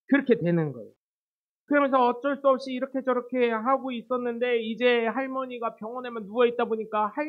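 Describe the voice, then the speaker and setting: A high-pitched male pastor tells a story from the pulpit and keeps asking the congregation questions. He acts out the quoted people in a country dialect, and the sound is thin and narrow, like a phone line. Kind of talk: sermon. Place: church sanctuary.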